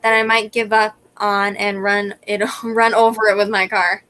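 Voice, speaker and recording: A woman's voice: mid-range voice, flat delivery, normal speed, bright, forceful tone. A young woman hosting a casual livestream, enthusiastic and reading viewer comments aloud. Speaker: host.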